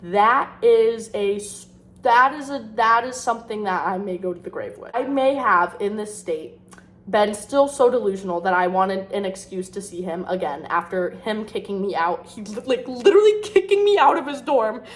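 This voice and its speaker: A woman's voice: mid-range voice, animated, normal speed. A young woman vlogger telling a personal story in a rambling, self-mocking way, full of fillers. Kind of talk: casual storytime.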